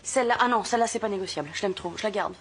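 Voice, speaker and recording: A woman's voice: medium pitch, rapid-fire, slight background noise. A woman playing a mother in a comedy sketch, hesitant and agreeable.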